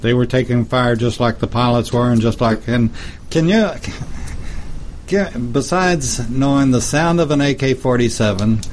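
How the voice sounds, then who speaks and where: An American man hosting an interview in a casual chat, haltingly searching for his words. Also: medium pitch, lively intonation, a little hiss or hum. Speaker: interview host.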